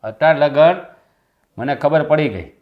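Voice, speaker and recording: An actor playing a resentful younger brother who insists on taking over the business in a family drama. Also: male voice, on the high side, unhurried, narrow, tinny audio, close to an everyday voice. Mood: defiant. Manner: defiant, insistent. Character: resentful younger brother demanding his share. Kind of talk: Gujarati family stage drama.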